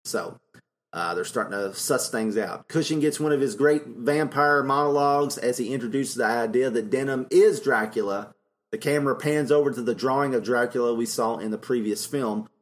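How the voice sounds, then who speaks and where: A man's voice: mid-range voice, moderate pace. Chatty man rambling about a film. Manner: rambling, with many fillers and laughs. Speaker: podcast co-host. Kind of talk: casual film discussion.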